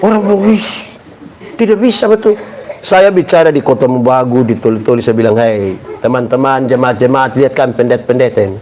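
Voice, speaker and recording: A man's voice: medium pitch, quick pace, hardly any pauses, a little mellow. A male pastor preaching a live sermon, joking and quizzing his congregation with call-and-response questions. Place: church service. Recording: live church recording with congregation and room noise.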